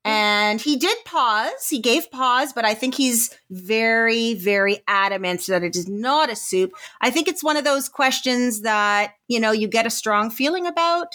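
A woman's voice: fairly high pitch, animated, a little slow, few pauses, pushed and bright. A woman co-hosting a podcast, chatty as she tells an anecdote. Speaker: podcast co-host. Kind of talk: casual storytelling chat.

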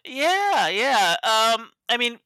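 Lively, bright-voiced man on a podcast. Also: very high-pitched, drawn-out words, no echo, poor audio. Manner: playful, animated, shares facts. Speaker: podcast co-host. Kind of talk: casual group chat.

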